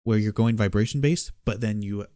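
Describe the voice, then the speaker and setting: A man giving a casual spoken beatbox tutorial, explaining in a relaxed, matter-of-fact way. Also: fairly low pitch, brisk, no room sound, clean studio sound.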